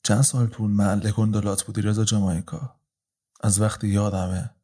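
A man voicing a heavy, patient older man in his fifties who speaks slowly and calmly in an audio drama. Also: fairly low pitch, husky. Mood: bitter. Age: 50s. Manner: slow, calm, muttering.

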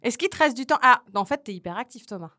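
Woman host, high lively voice, teasing questions, casual chat. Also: fast talker. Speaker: podcast host.

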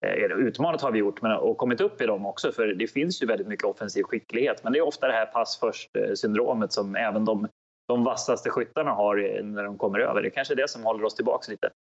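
A man commenting in an anecdotal hockey discussion, with halting phrasing that circles back on itself. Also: lowish voice, lo-fi sound. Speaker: studio commentator.

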